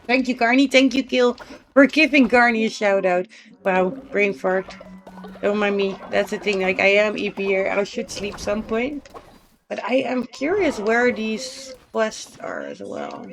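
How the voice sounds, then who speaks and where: A woman's voice: mid-range voice, big pitch swings, measured pace, gravelly, a little hiss or hum. A woman streamer chatting casually and thinking aloud while she plays a game, with the odd swear word. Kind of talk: casual live gameplay commentary.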